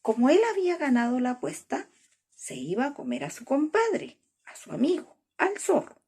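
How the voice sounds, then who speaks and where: Husky, lively woman telling a children's story. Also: high voice. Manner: slow and expressive, with whispered asides. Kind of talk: expressive storybook reading for children.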